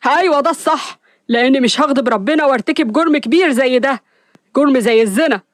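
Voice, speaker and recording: A woman voicing a firm, principled male police officer who answers his superior calmly but defiantly. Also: high voice, fast, dry recording, studio quality, lightly acted. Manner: calm, firm, respectful yet defiant.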